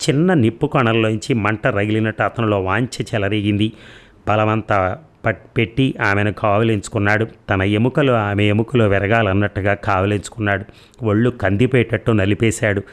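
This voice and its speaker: A man narrating a story in a calm, measured reading voice. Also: on the low side. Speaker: audiobook narrator.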